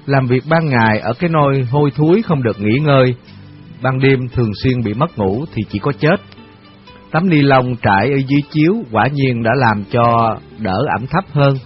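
Calm reflective male narrator. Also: medium pitch. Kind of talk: memoir narration for radio. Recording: dull radio recording with music.

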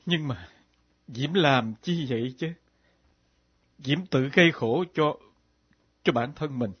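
A bewildered, grieving husband in a radio drama, speaking earnestly in a husky voice. The old recording is dull and close-miked. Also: male voice, mid-range voice, slow pace, no room sound. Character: bereaved husband, bewildered, gentle.

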